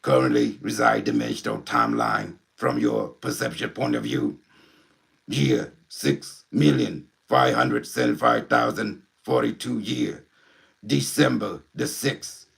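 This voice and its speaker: A man voicing a calm, helpful male robot intelligence from the future, speaking slowly and mechanically, like system announcements. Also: on the low side, creaky, heavily acted.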